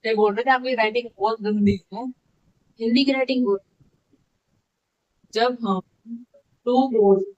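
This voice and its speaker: A woman's voice: fairly high pitch, steady tone, measured pace, long pauses, a little mellow. A woman teaching a physics lesson, who repeats key phrases and asks and answers her own questions. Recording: dull lo-fi sound.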